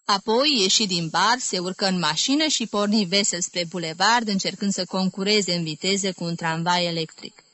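Woman narrator for a literary audiobook, measured and even, mid pitch, dry close sound. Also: dry recording. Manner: measured, clear reading.

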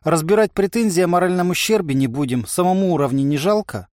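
A man's voice: high-pitched, quick pace, darkish tone, dry recording, voice pushed up, natural voice. A man playing a dry, sarcastic militia chief who interrogates a prisoner in an ironic, clipped way. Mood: sarcastic stern. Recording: dry close studio sound.

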